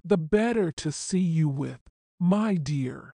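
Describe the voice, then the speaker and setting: A scheming, hungry wolf from a fairy tale, as a woman reads him, low and coaxing. The delivery is slow and mellow. It is recorded close and dry. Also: lively intonation, dry recording, heavily acted. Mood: sly.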